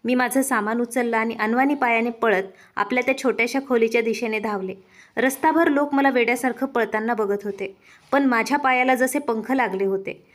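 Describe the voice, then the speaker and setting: A woman's voice: a little high, fairly quick. A woman narrating an emotional first-person story in an earnest, heartfelt manner.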